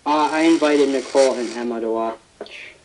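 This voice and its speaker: A man's voice: medium pitch, moderate pace, a little mellow, slight background noise, low-quality recording. A teenage boy co-hosting a live stream in casual chat, often repeating himself and trailing off.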